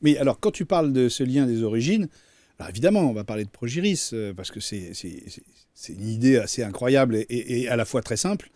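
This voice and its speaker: A man's voice: medium pitch, expressive, brisk, dark tone, no echo. A man hosting a business interview, asking probing questions in a conversational way. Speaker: interview host. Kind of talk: casual interview talk.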